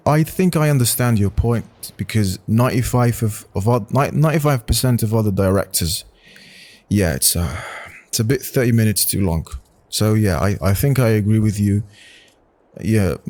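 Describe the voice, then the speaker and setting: A man's voice: medium pitch, a little mellow. A man reading online hot takes aloud and giving his own blunt, casual opinions on them, with swearing and frequent restarts. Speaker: narrator and commentator. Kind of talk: reading and reacting to posts.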